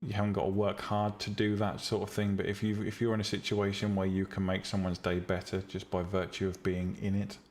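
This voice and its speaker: This streamer, a teacher of 3D rendering and visual novel making, has a calm, relaxing low-pitched voice and talks a little fast with hardly any pauses. He chats bluntly and casually with viewers about 3D tutorials, with frequent ums and restarts.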